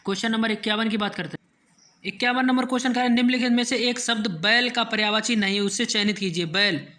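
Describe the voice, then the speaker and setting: A teacher running an online exam-prep class, drilling the same points over and over and quizzing the listeners, counting letters and answer options aloud. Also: mid-range voice.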